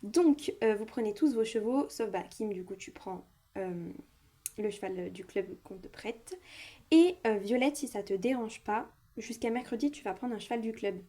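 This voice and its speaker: A woman voicing a riding instructor, chatty, upbeat, stumbling speech, soft tone. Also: a little high, animated, moderate pace. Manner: upbeat, stumbling over words. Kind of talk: toy play-acting story.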